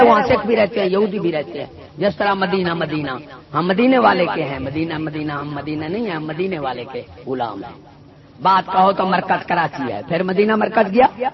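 A man preaching a sermon full of stories, emphatic and swinging between loud and soft. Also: sits high. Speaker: Sufi preacher. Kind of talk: sermon with storytelling. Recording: dull lo-fi recording with a loud crowd.

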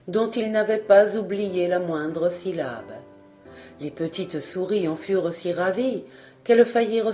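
A woman reading a fairy tale aloud as an audiobook narrator, calm and measured. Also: fairly low pitch. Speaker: audiobook reader.

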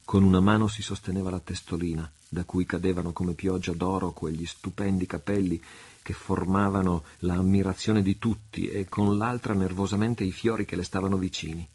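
A man narrating a classic adventure novel as an audiobook, with expressive, theatrical pacing. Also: low voice, brisk, husky.

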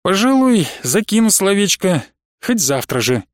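Storybook joker, young and good-natured, as a man reads him, teasing in a dry, fairly high voice. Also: big pitch swings, measured pace, no room sound. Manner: teasing, jovial.

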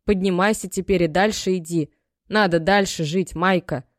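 A woman's voice: on the low side, fairly even intonation, normal speed, dry recording, natural voice. A woman voicing an aging mother, stern but loving, homely scolding, dry close audiobook sound. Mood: pleading. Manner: scolding, pleading, folksy speech.

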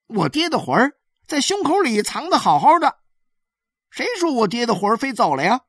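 A woman's voice: a little high, very animated, normal speed, dry recording, studio quality, pitched above the performer's own voice. A woman doing a stubborn little boy. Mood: stubborn protest. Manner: insistent, protesting. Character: stubborn defiant young boy.

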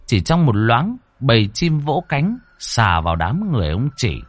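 A man narrating a ghost story in a dramatic way, slowing down for suspense. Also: medium pitch, wildly swooping pitch.

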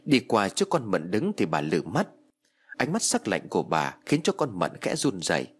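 A man narrating a dramatic story, voicing each character with shifting pitch. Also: wildly swooping pitch, moderate pace, husky. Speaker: audiobook narrator.

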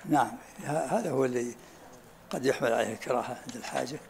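A man teaching a study circle as sheikh, explaining texts at an unhurried pace and often asking students to repeat what they said. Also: medium pitch, vocal fry, darkish tone. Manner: unhurried, often asks "ha?" to have things repeated. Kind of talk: lesson commentary with questions and answers.

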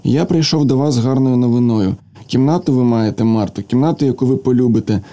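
A man voicing a gentle, hopeful young man who speaks earnestly and tenderly, consoling a girl. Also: medium pitch, fast talker, lightly acted.

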